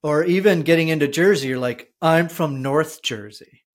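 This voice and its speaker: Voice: mid-range voice, normal speed. A podcast host talking casually, hesitant, with many fillers and restarts. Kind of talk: casual conversation.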